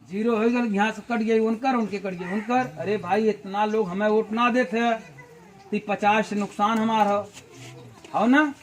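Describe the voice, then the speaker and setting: A man's voice: sits high, fairly even intonation, moderate pace. A man giving an outdoor village meeting speech as a party organizer, full of rhetorical questions and folksy analogies.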